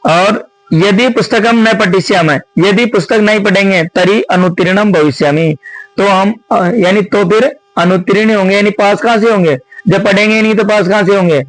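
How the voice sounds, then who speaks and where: A man with a fairly high voice works through an exam answer key like a teacher at the board. He often asks a question and answers it himself, and keeps calling his viewers friends. The sound is dry and close, with no room around it. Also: normal speed, no echo, rough recording. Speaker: Sanskrit teacher.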